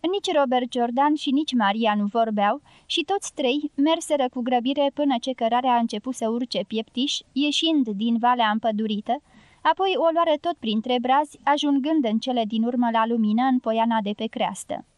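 A woman's voice: on the high side, dry recording. Woman narrating a novel, dry close sound. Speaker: audiobook narrator.

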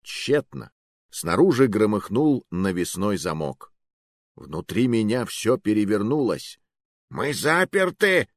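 A man reading a first-person adventure story aloud as an expressive audiobook narrator. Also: fairly low pitch, a little slow, dry recording, clean studio sound.

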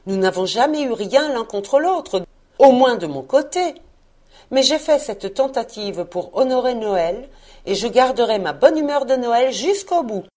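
A woman voicing a cheerful, earnest young man who pleads warmly and eagerly. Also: fairly high pitch, expressive, a little slow, voice pushed up. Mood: pleading.

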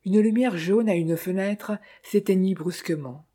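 A narrator reading a detective novel aloud in a measured, even manner. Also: mid-range voice. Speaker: audiobook narrator. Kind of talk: literary audiobook narration.

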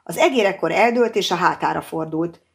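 A woman narrates an audiobook in scripted narration, reading at a steady, even pace. Her voice sits somewhat low. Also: gravelly, slightly rough.

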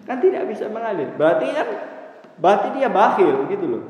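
A man gives a relaxed, humorous lecture as a religious teacher, swinging his voice up sharply when he asks a question. His voice sits a little on the high side. The recording rings with heavy echo and a long hall reverb. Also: brisk. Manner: lively, joking, rising sharply on questions. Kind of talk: casual classroom lecture on Arabic rhetoric. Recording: very echoey hall.

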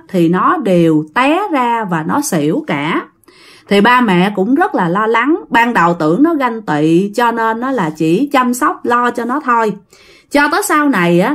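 A woman narrating a listener-sent ghost story. She talks chattily and addresses her audience directly, her voice sitting somewhat high.

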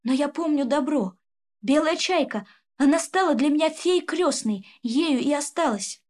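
A woman's voice: sits high, animated, normal speed, a little mellow, voice pushed up. A woman voicing a distraught schoolgirl with a ringing, trembling voice in a storybook reading. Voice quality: ringing girlish voice. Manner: trembling, breaking into cries. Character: schoolgirl accused of spying, distraught.

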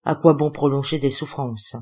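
A woman's voice: rumbling low, fairly even intonation, moderate pace, a little mellow, breathy edge. Brief: woman voicing a grieving older lady, scolding then tearful, audiobook character. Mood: tearful confiding.

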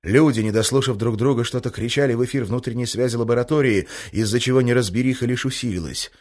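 A man narrating an action-packed audiobook in a brisk, tense manner. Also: mid-range voice, a little mellow. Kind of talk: scripted narration.

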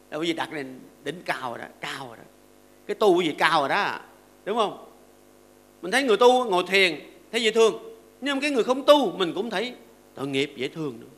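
An older monk preaches in a high voice with a bright, forceful edge. He teaches through homely stories and short verses, and he keeps stopping to ask his seated listeners to agree. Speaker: Buddhist monk giving a dharma talk. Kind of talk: sermon to a seated audience.

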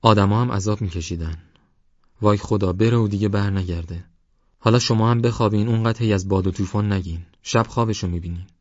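A man's voice: fairly low pitch, no echo, lo-fi sound, natural voice. A man doing a pious, worried old village mother. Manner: fretful, devout.

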